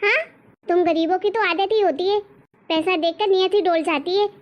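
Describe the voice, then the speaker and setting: The recording is muffled as a woman, at a moderate pace, performs the cartoon role of a harsh mother-in-law. It's scolding voice acting, shrill and insulting throughout.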